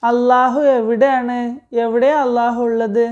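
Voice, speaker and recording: A woman teaching a religious story to children, patient and slow, asking them questions and repeating the answers. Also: on the high side, flat delivery, a little mellow, lo-fi sound.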